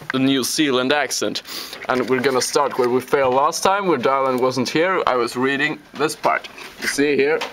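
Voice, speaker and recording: A man's voice: medium pitch, noisy background. Rambling, playful man chatting casually. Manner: rambling and playful, full of hesitations. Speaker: video host. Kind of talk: casual home video chat.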